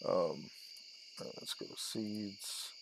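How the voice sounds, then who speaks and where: This gaming video host talks slowly in a lowish voice with vocal fry, and the recording is very noisy. His let's-play commentary is casual, as he talks himself through every step in short phrases that trail off.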